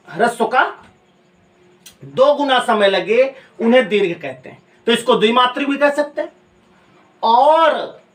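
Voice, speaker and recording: A man teaching Hindi grammar in a classroom lecture. He asks the class questions, answers them himself, and repeats key phrases slowly so students can take notes. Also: extremely high pitch, fairly bright tone. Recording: echoey room, voice from a distant mic.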